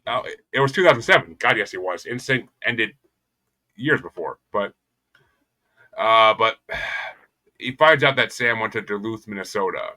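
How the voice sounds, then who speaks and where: Low-voiced man recapping with crude jokes. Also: lively intonation, measured pace, pauses often, bright, forceful tone, rough recording. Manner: crude, joking retelling of plot. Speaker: podcast co-host. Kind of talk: casual episode recap.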